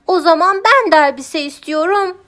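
Woman doing Mörlala, a loud stubborn cow. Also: very high-pitched, faint music behind, voice pushed up. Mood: demanding. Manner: loud, exclaiming, drawn-out whines. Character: vain stubborn female cow, demanding and whiny. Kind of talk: children's audiobook character voice.

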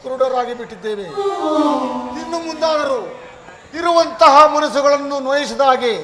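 An actor playing a grieving widowed father who heads a village household, declaiming loudly in a stage drama. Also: very high voice, moderate pace, reverberant, long reverb tail. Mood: consoling. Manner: loud, declamatory lament.

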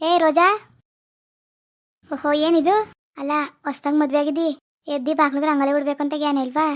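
A woman's voice: sits high, flat delivery, fairly quick, lightly acted. A woman voicing a strict, nagging mother-in-law. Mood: scolding. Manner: loud, nagging, commanding. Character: scolding middle-aged mother-in-law, strict and bossy.

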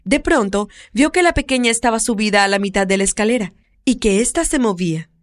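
Casting: audiobook narrator, woman, expressive and steady, slightly high pitch. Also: fairly quick. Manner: expressive storytelling read. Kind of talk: scripted narration.

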